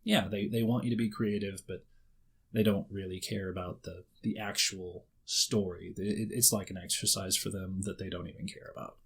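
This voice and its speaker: A man's voice: low-pitched, steady tone, normal speed, gravelly, slightly rough. A man in his thirties, a writer, talking casually in a conversation, rambling and often repeating words as he starts a thought. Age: 30s. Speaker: guest writer.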